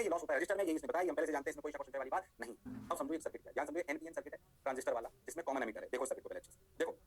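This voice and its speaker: A man with a fairly high voice gives a lively exam-prep lecture, repeatedly asking if the students have understood. He sprinkles English technical terms into his speech and playfully imitates the students' eager answers.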